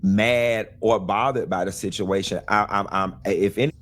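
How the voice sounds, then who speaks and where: A man earnestly explaining his side of a public dispute, now and then breaking into animated exclaimed asides. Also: on the low side, normal speed. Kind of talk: clip of a personal video statement.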